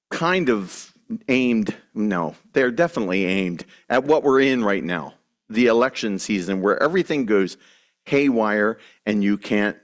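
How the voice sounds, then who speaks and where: A man preaching a sermon to his congregation, earnest and emphatic, with restarts and asides. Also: lowish voice. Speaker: pastor.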